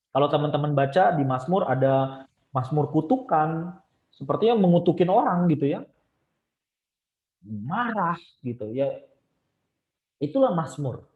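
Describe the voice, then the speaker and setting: A man giving a casual, emphatic Bible study lecture online, his voice jumping high to stress points. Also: darkish tone, roomy sound, highs cut off.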